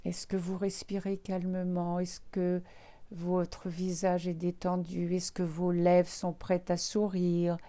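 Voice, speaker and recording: Female relaxation instructor, warm mellow tone, very unhurried pace, calm step-by-step guidance with room to pause. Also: fairly low pitch. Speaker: instructor of a guided eye-relaxation exercise. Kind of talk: guided relaxation lesson, speaking directly to listeners.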